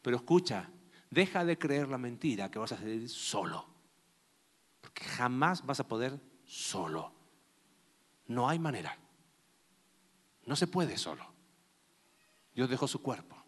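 A man's voice: medium pitch, big pitch swings, measured pace, long pauses, fairly bright tone. A young man preaching a sermon in a conversational way, asking his listeners many questions. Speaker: pastor.

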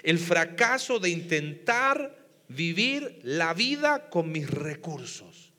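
A man's voice: fairly high pitch, very animated, slow, bright, forceful tone. A man preaching a sermon to a congregation, talking conversationally and putting questions to the audience. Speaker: pastor. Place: church hall before a congregation. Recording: long hall reverb.

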